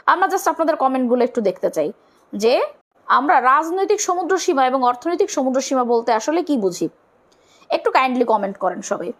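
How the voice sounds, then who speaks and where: A woman's voice: high voice, very animated, a little fast. A young woman with a Bangladeshi Bengali accent giving an online exam-prep lecture, explaining step by step and asking and answering her own questions. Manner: colloquial, urges viewers to comment. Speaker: teacher.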